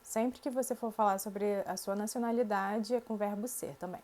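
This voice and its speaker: A Brazilian woman with a Brazilian Portuguese accent, a Portuguese teacher giving a language lesson to camera, speaking clearly and slowly through spoken examples. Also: mid-range voice, steady tone, a little mellow.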